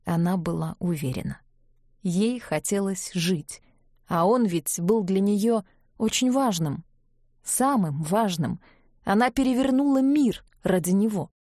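A woman reading an audiobook in a calm, measured narration. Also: mid-range voice, no echo, clean studio sound.

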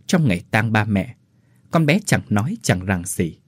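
A man narrating a sad story in a melodramatic style, slowing down for sung-out verse lines. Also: on the low side, sing-song, breathy edge, no echo, studio quality.

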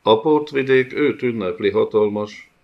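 A man's voice: fairly low pitch, pitched above the performer's own voice, close to an everyday voice. A man voicing a cowering, frightened male servant monk who speaks in a pleading, submissive way, in a dull lo-fi audiobook recording. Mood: fearful.

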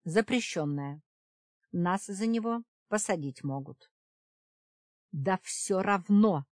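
A woman's voice: fairly low pitch, lively intonation, measured pace, a little mellow, dry recording, clean studio sound. A woman reading as a blunt young witch. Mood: grim. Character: young female witch, bookish necromancer, blunt. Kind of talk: audiobook character reading.

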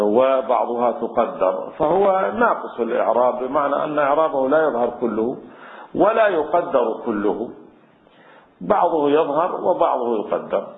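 A man teaching classical Arabic grammar, explaining patiently step by step with many fillers. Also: medium pitch. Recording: echoey room on a tinny lo-fi line.

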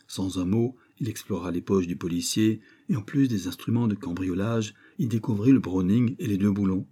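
A man narrating a crime novel audiobook in a measured, dramatic reading style. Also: fairly low pitch, warm tone, husky.

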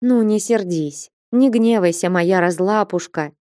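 A woman's voice: medium pitch, measured pace, warm tone, no echo, close to an everyday voice. A woman reading an evasive young lover. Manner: dry, falsely tender, flustered.

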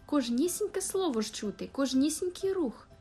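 An eager young bride from a storybook, her voice jumping high in excited exclamations, as a woman reader puts her on. Faint music sits under the reading. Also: normal speed.

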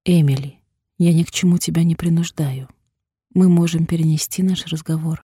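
Female reader as a patient male therapist in an audiobook, calm and sincere, low and mellow. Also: normal speed, breathy edge, no room sound, clean studio sound.

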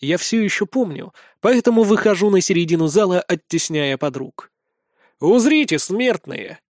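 Animated high-voiced male audiobook narrator. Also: moderate pace, no echo, studio quality. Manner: lively expressive storytelling. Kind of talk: first-person fantasy audiobook narration.

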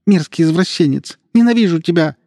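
Man putting on a shrill furious young woman. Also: animated, fairly quick, dark tone, no echo, clean studio sound.

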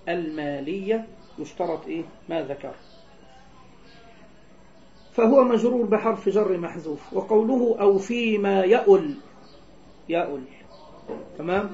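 A man's voice: high-pitched, creaky, dark tone, muffled recording. A man with an Egyptian accent teaching a classical jurisprudence text. He reads lines aloud and explains them, often asking the class questions and then answering them himself. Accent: Egyptian Arabic. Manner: alternates between reading the text aloud and explaining it in colloquial terms.

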